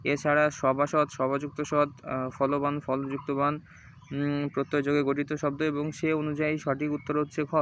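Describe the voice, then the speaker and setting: A man working through exam questions one by one and explaining each answer, pausing often with ums and restarting words. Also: a little high, completely flat delivery, fairly bright tone, a little hiss or hum. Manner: hesitant, many ums and restarts. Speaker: exam tutor.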